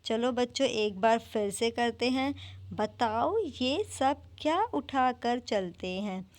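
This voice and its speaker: A woman teaching a primary school class online, drilling words slowly one at a time. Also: a little high, lively intonation.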